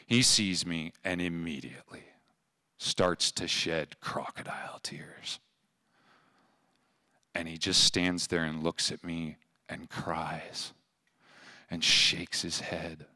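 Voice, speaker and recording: A man from Oregon telling an emotional personal story to a live audience, slow and emphatic. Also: sits low, steady tone, pushed and bright.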